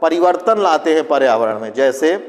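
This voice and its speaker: A man teaches a class in a relaxed, conversational way, firing questions and answering them himself. His voice sits fairly high for a man. The sound carries a long reverberant tail from the room. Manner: acts out students and parents in quick asides. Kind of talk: classroom lecture. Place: classroom with students present.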